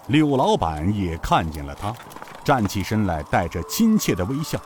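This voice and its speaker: A man narrating a serialized novel as an expressive, measured storyteller. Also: on the low side, a little hiss or hum.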